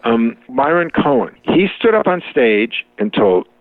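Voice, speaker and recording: A man's voice: medium pitch, very animated, measured pace, no echo. A man being interviewed in a casual chat, talking in a rambling way with many restarts and fillers. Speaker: interview guest. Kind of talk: conversational interview. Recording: tinny phone-like dry sound.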